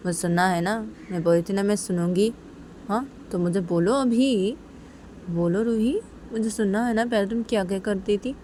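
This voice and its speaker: A woman's voice: mid-range voice, moderate pace, dark tone, slight background noise, voice pushed up, close to an everyday voice. A woman voicing an anxious young woman who keeps coaxing her crying partner with repeated questions. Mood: insistent.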